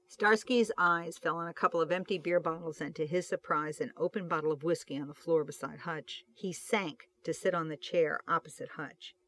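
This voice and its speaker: A narrator giving a steady, expressive reading of a fan fiction audiobook with shifting loudness. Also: medium pitch, normal speed, few pauses.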